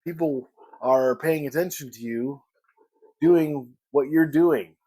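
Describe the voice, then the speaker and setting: A man vlogging a casual morning chat at home, rambling and pausing to search for the right word. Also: fairly high pitch, warm tone, breathy edge. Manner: rambling, pauses to search for words.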